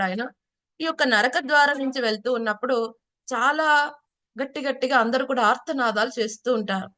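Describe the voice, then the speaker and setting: A woman's voice: fairly high pitch, sharp tone. A woman with a Telugu accent giving a devotional talk, telling scripture stories with voiced dialogue and questions to the listeners. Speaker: religious speaker.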